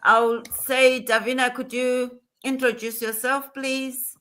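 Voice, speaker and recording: Slow, bright-voiced woman host. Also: high voice, flat delivery, clean tone. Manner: earnest, repetitive, emphatic. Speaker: livestream host. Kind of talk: motivational livestream talk.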